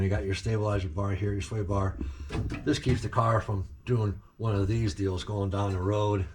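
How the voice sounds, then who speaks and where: A man doing a casual restoration vlog, chatting to the camera while he wrenches on a car in his home garage, with no clip-on mic. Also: fairly low pitch. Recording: noisy garage with tool clicks.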